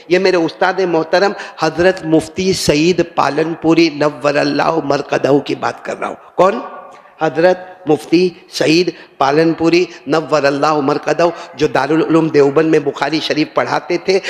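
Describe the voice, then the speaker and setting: Older man, sermon, gravelly high voice, long hall reverb. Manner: storytelling preacher, addresses crowd directly. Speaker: preacher.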